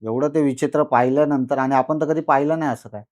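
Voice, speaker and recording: A man recounting a first-person horror experience in a podcast conversation, animated and repetitive with dramatic pauses. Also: medium pitch, no echo, studio quality. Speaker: guest storyteller.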